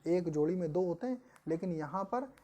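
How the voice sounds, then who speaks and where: Biology coaching teacher, woman, mellow low voice, patient question-and-answer lecturing style. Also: animated. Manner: explains patiently, asks the class questions and answers them herself; reads English definitions slowly, then explains them. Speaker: biology exam-prep teacher. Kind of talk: online coaching lecture in Hindi mixed with English terms.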